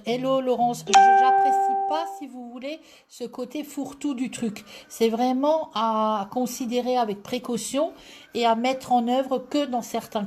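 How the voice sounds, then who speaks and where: A woman's voice: on the high side, a little mellow. A woman with an Alsatian accent hosting a live stream as a clairvoyant, talking casually and breaking off to greet viewers by name. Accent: Alsatian French. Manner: chatty, digressive, greets viewers by name mid-sentence. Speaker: clairvoyant livestream host.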